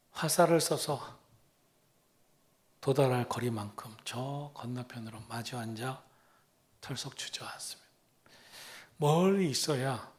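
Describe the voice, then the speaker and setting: A man preaching as a pastor, retelling a story with dramatic pauses and often dropping to a breathy whisper. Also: mid-range voice. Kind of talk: sermon.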